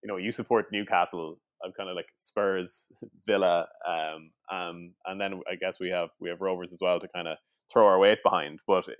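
A man's voice: low-pitched, steady tone, moderate pace, few pauses, no room sound, clean studio sound. A man with a west of Ireland accent chatting casually about sport in a loose, rambling way full of filler phrases. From Sligo, west of Ireland. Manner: hesitant, rambling, many "like" and "you know". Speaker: podcast co-host.

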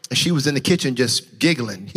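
A man preaching a sermon in a church, passionately shouting in a sing-song preaching cadence. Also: medium pitch, slightly rough, big-room sound. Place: church sanctuary.

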